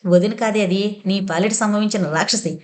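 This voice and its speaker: A fiery young woman snaps and scolds with biting sarcasm, as a woman reads her in an audio novel. Her lines come quick and cutting, full of contempt for the people she faces. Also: mid-range voice, steady tone, natural voice. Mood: angry. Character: fiery young woman Vijaya, quick-tempered elder sister.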